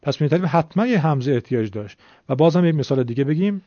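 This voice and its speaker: A man's voice: fairly high pitch, expressive, mellow, no room sound, muffled recording. A man teaching a Quran reading lesson, explaining patiently and politely to his viewers.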